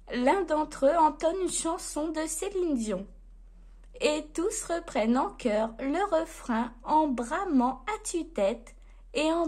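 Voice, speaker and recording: A woman storyteller reading a children's bedtime story aloud in a gentle, expressive way. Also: high voice.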